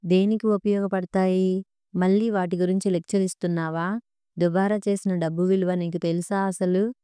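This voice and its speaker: A woman's voice: on the low side, level tone, normal speed, clean tone, dry recording, studio quality, lightly acted. A woman reading the part of an angry, mocking husband in a storybook narration. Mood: scornful. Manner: shouting, mocking. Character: angry scornful husband, a clerk.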